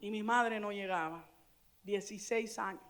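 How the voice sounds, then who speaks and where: A woman pastor from El Salvador preaching a sermon with fervor, repeating phrases and building to loud exclamations. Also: medium pitch, moderate pace, soft background music.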